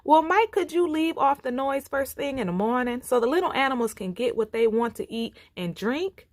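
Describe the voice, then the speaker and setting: Worldly old bear for a folk tale female storyteller, measured and sensible, lively intonation. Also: high voice, dry recording, clean studio sound, pitched above the performer's own voice. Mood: polite. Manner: measured, unafraid, folksy.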